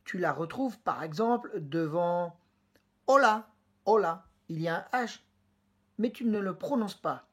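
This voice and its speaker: A woman teacher giving a pronunciation lesson, patiently explaining and repeating sounds slowly while speaking directly to the student. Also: lowish voice, expressive, breathy edge. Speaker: Spanish teacher.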